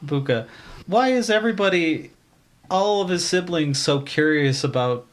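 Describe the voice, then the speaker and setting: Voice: mid-range voice, lively intonation, normal speed. A player in a tabletop role-play, teasing the others and laughing. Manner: teasing, giggly, curious questions.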